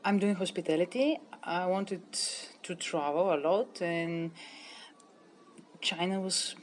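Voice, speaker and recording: A woman from Bulgaria, speaking English in a lively way with simple phrasing. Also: on the low side, slow pace, slight background noise. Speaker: expat interviewee. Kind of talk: casual talk to camera.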